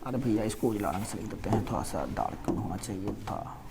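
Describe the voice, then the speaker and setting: A woman's voice: rumbling low, a little fast, husky. A woman with a Bihari Hindi accent teaching a maths class in a classroom, keeps firing questions at her students and drawing answers out of them. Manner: animated call-and-response questioning of students. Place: classroom with a board.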